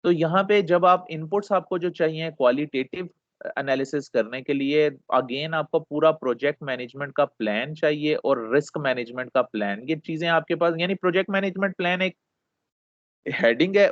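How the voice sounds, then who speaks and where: A man teaches a class, pitched a little high for a man. He explains patiently, slips English terms into his sentences and keeps checking with his listeners. The recording is dull and lo-fi, close and dry. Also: moderate pace, no echo. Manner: explains patiently, mixing English terms into Urdu, often checks with "theek hai". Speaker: lecturer.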